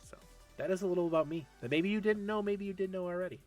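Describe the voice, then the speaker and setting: A man's voice: high voice, fast talker, a little mellow, soft background music. A man in his late thirties hosting a casual livestream Q&A for an esports league, chatty and laughing often while answering chat. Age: 30s.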